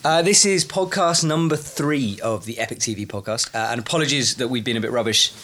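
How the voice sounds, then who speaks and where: A man with a slightly gravelly voice chatting casually and wryly as a podcast co-host. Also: medium pitch, fairly quick, a bit bright, a little hiss or hum. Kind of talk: casual chat.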